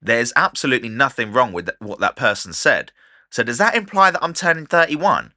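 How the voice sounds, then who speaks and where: A man of thirty hosting his own podcast in a casual, animated way, fast-talking and wired on coffee. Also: mid-range voice, no echo, clean studio sound. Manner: chatty, animated, swears casually. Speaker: podcast host and DJ. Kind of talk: casual solo podcast monologue.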